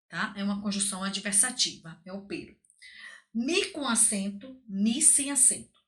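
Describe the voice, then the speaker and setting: A woman's voice: mid-range voice, bright, forceful tone. Woman, Brazilian Portuguese accent, teacher, recorded lesson, patient explaining, checks in often. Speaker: Spanish teacher.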